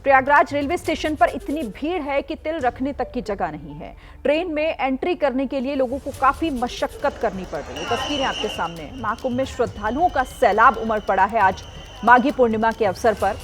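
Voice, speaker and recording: Woman news anchor, formal and a touch high, faint music under. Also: animated, normal speed, fairly bright tone. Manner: crisp, formal delivery. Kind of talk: news reading.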